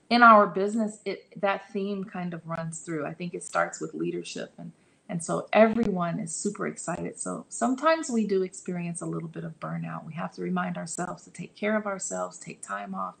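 A woman's voice: on the low side, sing-song, normal speed, vocal fry, fairly bright tone, poor audio. A woman answering interview questions about her publishing business, earnest and encouraging, often restarting her sentences. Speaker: guest, publishing company leader.

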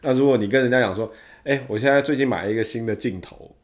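A man's voice: medium pitch, fast. A man with a Taiwanese Mandarin accent co-hosting a casual chat, conversational, often repeating short phrases for emphasis. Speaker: podcast co-host.

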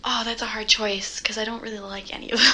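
A woman's voice: on the high side, steady tone, fast, bright, forceful tone. A young woman from Canada, co-hosting a podcast in casual chat, talkative and laughing often. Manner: chatty, laughs often, puts on quoted voices. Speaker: podcast co-host.

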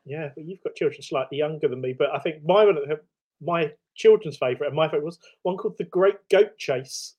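Podcast co-host: man, fairly high voice, halting, restarts his sentences. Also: warm tone, slightly rough. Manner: hesitant, stumbling restarts. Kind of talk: casual chat.

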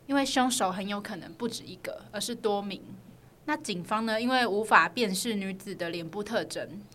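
A woman with a Taiwanese Mandarin accent hosts a true crime podcast, narrating the story in a conversational style. Her medium-pitched voice is fairly bright, with a slight hiss or hum.

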